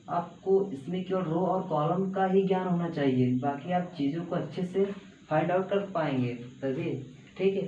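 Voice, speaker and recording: A man walks students through a math problem at a board, repeating each step and coaxing them along. His voice sits a little high but sounds mellow. The room is echoey, and the audio is a bit dull with faint background noise. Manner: repetitive, coaxing, says "bhai" and "hai na" often. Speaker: math teacher. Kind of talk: chalkboard math lesson. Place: classroom with a small board.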